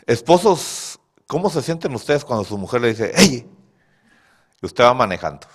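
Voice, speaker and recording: A man preaching with a lively, swinging voice that climbs into sudden shouts and drops low again. He talks directly to his congregation in an animated way and laughs at his own stories. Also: normal speed, slightly rough. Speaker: pastor. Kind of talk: sermon.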